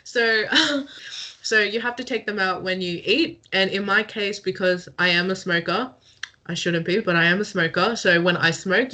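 Bright-voiced young woman explaining things. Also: medium pitch. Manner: explains things step by step, laughs easily. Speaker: podcast co-host. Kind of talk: casual chat. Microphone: remote call.

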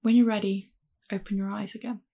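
Creaky, husky woman guiding a calm grounding exercise. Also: medium pitch, fairly quick, muffled recording. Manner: calm, gentle, reassuring instruction. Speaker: meditation guide. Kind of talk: guided mindfulness meditation, calm grounding exercise.

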